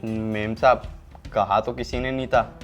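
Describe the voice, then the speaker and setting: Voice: medium pitch, little pitch movement, a little slow, close to an everyday voice. A performer acting a timid male household servant who pleads and apologises in a short drama skit. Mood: pleading. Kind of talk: scripted Hindi skit acting. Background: loud background music.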